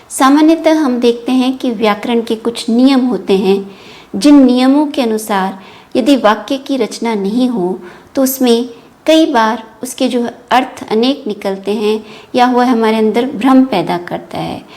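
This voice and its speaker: A woman's voice: on the high side, darkish tone. A middle-aged woman giving a formal academic lecture on logic, explaining step by step with frequent hesitation fillers.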